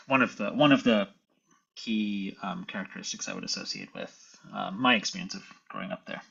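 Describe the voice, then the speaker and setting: Husky, gravelly man on a muffled call. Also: fairly low pitch, a bit bright. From Sri Lanka. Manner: thoughtful, hesitant with many restarts. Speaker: guest tenor. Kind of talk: casual conversation.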